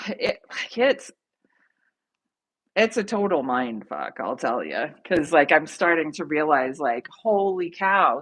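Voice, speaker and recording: A woman's voice: lowish voice, a bit bright, low-quality recording. A woman in her forties chatting casually on a livestream, rambling, laughing and answering viewer comments. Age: 40s. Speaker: livestreaming artist.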